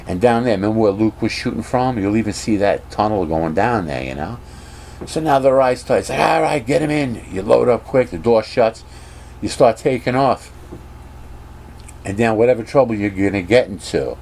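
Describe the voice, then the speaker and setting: A man vlogging casually, rambling and animated as he gives strong opinions. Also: on the low side, normal speed, slight background noise.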